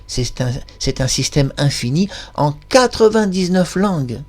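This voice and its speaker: A man's voice: fairly high pitch, expressive, measured pace. A man hosting his own channel, talking in a casual monologue that is effusive, rambling and self-praising. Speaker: channel host.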